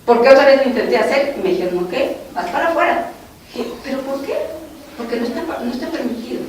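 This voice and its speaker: A Mexican woman gives an earnest, emotional testimony to her congregation, speaking in a fairly high voice. She is heard from a distance in a very echoey hall, with faint noise underneath. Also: lively intonation, fast talker. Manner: earnest, emotional, often addressing the brothers and sisters. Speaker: doctor giving a church testimony. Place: church hall.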